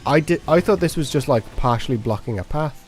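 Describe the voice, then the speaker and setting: A man's voice: fairly high pitch, animated, brisk, faint music behind. A man giving casual, rambling commentary while playing a game, joking and muttering to himself. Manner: rambling, jokey, sings to himself. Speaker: streamer.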